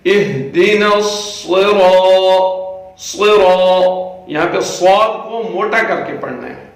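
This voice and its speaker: A man teaching Quran recitation, patiently explaining how each letter sounds and then slowly chanting the words. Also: on the high side, gravelly. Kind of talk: tajweed lesson with slow chanted recitation. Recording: very echoey room.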